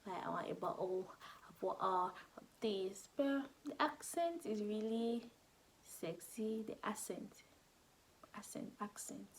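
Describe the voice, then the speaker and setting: A young woman from Cameroon with a Cameroonian accent, chatting casually to her camera in a slangy, animated way. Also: mid-range voice, slight background noise, poor audio. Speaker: YouTuber. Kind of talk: casual vlog talk to camera.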